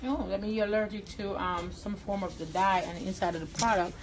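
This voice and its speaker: Cutting hair during a live salon tutorial, this Jamaican-accented stylist and educator talks in a blunt, direct way. She speaks quickly in a steady, medium-pitched voice against a noisy background.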